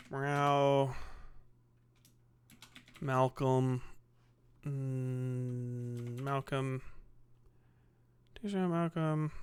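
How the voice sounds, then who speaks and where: A man with a slightly high, clean-toned voice is livestreaming, chatting casually and swearing a lot. He mutters half to himself while he works on something.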